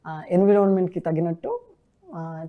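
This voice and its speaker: A woman with a Telugu accent, a dubbing artist chatting casually in an interview in a relaxed way. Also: on the low side, moderate pace, narrow, tinny audio. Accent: Telugu, Hyderabad. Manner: relaxed, bursts into lively character voices when imitating film dialogue.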